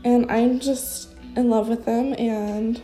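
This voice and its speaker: Speaking at a slow pace, a young woman with a slightly high, mellow voice keeps her intonation fairly even while faint music plays. She shares her experience as a recovery sponsor in unscripted vlog talk. Her nose is stuffy and congested, and she rambles spontaneously, full of fillers.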